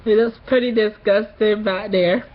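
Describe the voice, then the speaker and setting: A woman in her late twenties giving a casual personal update in a halting way, a little tired and recovering from tonsil surgery that morning. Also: mid-range voice, steady tone, lo-fi sound. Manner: slow, halting delivery with long pauses. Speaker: vlogger.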